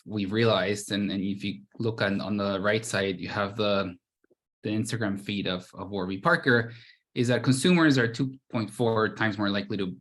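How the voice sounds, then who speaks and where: A man's voice: lowish voice, fairly bright tone. A man from Guatemala, a brand founder, giving a casual conference presentation over a video call, with frequent restarts and fillers.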